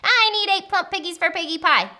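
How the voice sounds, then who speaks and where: A woman's voice: extremely high pitch, fairly quick, pushed and bright, voice pushed up, exaggerated voice. A woman voicing a greedy, hot-tempered witch in a children's storybook, screeching, bossy and full of insults. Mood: furious, demanding.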